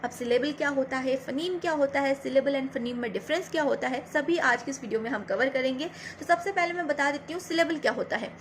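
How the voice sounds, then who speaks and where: Young female tutor, high voice, casual explainer, words, slow repeated examples. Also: slight background noise. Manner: chatty, repeats example words slowly and stretches them. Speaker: teacher.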